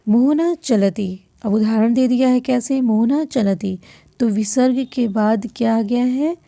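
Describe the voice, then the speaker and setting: A woman with a fairly high, gravelly voice teaches grammar at an unhurried pace. She walks through each rule step by step, asking questions and answering them herself. She clears her throat now and then and corrects small slips as she goes. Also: dark tone. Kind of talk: classroom grammar lesson.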